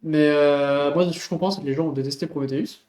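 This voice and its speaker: A man rambles through a point on a live debate stream, full of restarts and fillers. His voice sits a bit high, and the sound carries an echo from the room. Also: steady tone, fast, darkish tone. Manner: rambling, hesitant, many fillers. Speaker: co-host.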